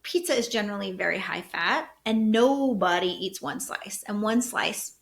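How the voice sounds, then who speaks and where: A middle-aged woman hosting a podcast, chatty and animated as she tells stories about her kids and food. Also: mid-range voice, moderate pace, creaky. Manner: chatty, animated storytelling, acts out her kids' voices. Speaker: podcast host and health coach. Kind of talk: casual solo podcast talk.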